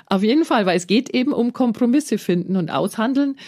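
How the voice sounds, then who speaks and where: Calm woman explaining parenting. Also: a little high, a little fast. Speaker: parenting expert guest. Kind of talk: radio interview, explaining.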